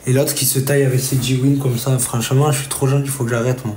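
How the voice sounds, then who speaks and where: A man's voice: mid-range voice, flat delivery, fast, darkish tone. A man venting to his viewers during a live gaming stream. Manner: agitated, venting, talks straight to viewers. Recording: roomy with faint noise.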